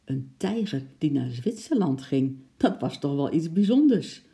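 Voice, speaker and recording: Storybook narrator: steady, expressive, deep-toned and grainy. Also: a little slow. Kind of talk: children's storybook reading.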